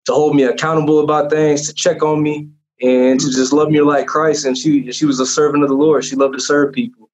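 A man's voice: fairly high pitch, level tone, a little fast, a little mellow. A young man tells his personal testimony in a casual chat, in an earnest, rambling way with many fillers and restarts. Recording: dull lo-fi sound.

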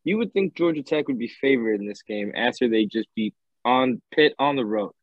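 A man's voice: mid-range voice, animated, moderate pace, no room sound, dull audio. Laid-back man making betting picks. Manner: laid-back, rambling, clears throat. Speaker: podcast co-host making college football picks. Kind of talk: casual sports betting chat.

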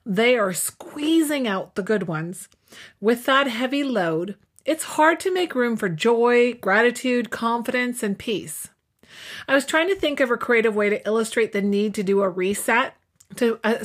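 A woman who hosts an inspirational radio show and works as a life coach, talking in an upbeat, conversational way. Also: fairly high pitch. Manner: upbeat, conversational, reads a joke aloud.

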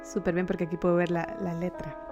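A woman's voice: fairly low pitch, flat delivery, fast, over music. A woman with a Mexican accent chatting casually on a livestream, joking with her viewers and laughing often.

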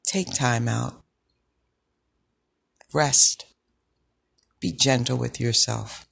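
Female podcast host, sultry low voice, gravelly edge, slow reflective monologue. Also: fairly bright tone, dry recording. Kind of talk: personal health podcast monologue.

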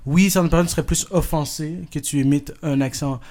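A man's voice: on the high side, a little fast, darkish tone, lightly acted. A man playing a pompous male producer with a put-on Japanese accent, lecturing in a mock-formal way and stumbling over his words in a comic podcast bit.

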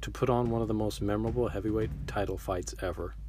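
A man's voice: fairly low pitch, fairly even intonation, quick pace. A man reading a scripted, dramatic narration for a podcast. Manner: dramatic storytelling. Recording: narration over clear background music.

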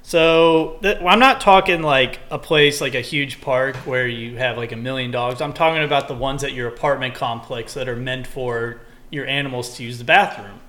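A man's voice: mid-range voice, normal speed. A young man chatting casually as a podcast co-host, rambling and swearing freely as he rants. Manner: rambling, profane, animated when ranting. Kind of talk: casual chat.

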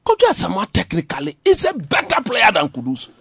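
A man's voice: high voice, wildly swooping pitch, a little fast, creaky, fairly bright tone, breathy edge, no room sound, studio quality. A man on a sports panel, debating football insistently and repeating his points.

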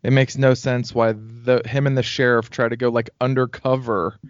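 A man chatting casually while watching a TV show, with quick questions and sarcastic commentary. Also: medium pitch, flat delivery, dry recording. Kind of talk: casual chat. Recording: dull lo-fi dry sound.

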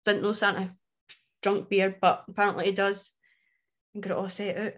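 A woman's voice: mid-range voice, level tone, moderate pace, a bit bright. Female co-host, broad Scottish accent, informal and candid, casual conversational storytelling. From Scotland. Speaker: book club podcast co-host. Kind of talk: casual chat, personal storytelling.

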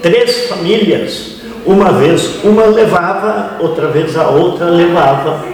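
Slow, deliberate southern Brazilian man, very echoey. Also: high voice. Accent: southern Brazilian, Rio Grande do Sul. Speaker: interview guest, family farmer. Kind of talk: reflective storytelling in an interview. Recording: very echoey hall, distant mic, crowd murmur.

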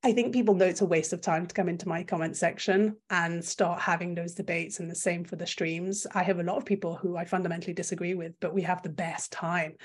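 Husky and low, this woman's voice holds a steady tone as she talks fast with hardly any pauses. She's a French-speaking content creator guesting in an interview, forceful in her opinions and prone to restarting sentences.

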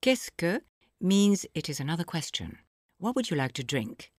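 A woman narrating a scripted audio language lesson, explaining phrases slowly and clearly for the listener to repeat. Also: fairly low pitch, big pitch swings, dry recording, studio quality. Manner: slow, clear teaching delivery with pauses for repetition.

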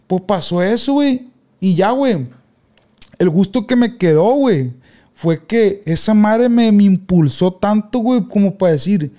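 A young man, telling childhood stories in casual podcast chat with loud outbursts. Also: high voice. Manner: animated slangy storyteller, loud outbursts. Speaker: podcast co-host.

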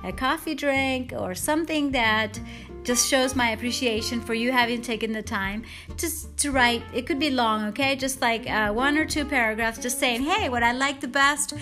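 A bubbly podcast host and fitness coach whose first language is Spanish delivers enthusiastic motivational talk, upbeat and encouraging with frequent laughs. Her voice is on the high side and sharp in tone at a normal speed, with soft music in the background.

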